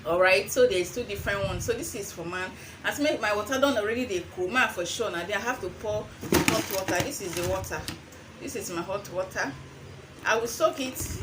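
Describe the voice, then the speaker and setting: A woman's voice: medium pitch, moderate pace, noisy background. A young adult woman with a Nigerian accent gives an informal how-to demonstration, slipping into Pidgin phrasing and repeating phrases for emphasis. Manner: slips between English and Pidgin phrasing. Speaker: herbal remedy seller and vlogger.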